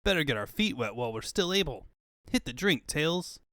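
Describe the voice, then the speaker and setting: A man's voice: fairly high pitch, very animated, brisk, bright, forceful tone, no room sound, clean studio sound. A man voicing a cocky young male hedgehog hero with quippy, breezy banter in a comic book fandub. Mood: alarmed, quipping.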